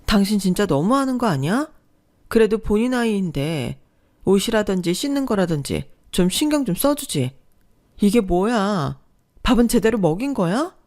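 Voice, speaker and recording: A woman voicing an exasperated young mother who scolds her husband in a sharp, reproachful way. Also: lowish voice, lively intonation, normal speed, close to an everyday voice.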